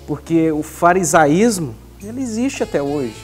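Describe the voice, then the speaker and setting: A man's voice: fairly high pitch, animated, unhurried, soft background music. A man giving an emotional personal testimony as a church guest, earnestly reenacting his prayers aloud.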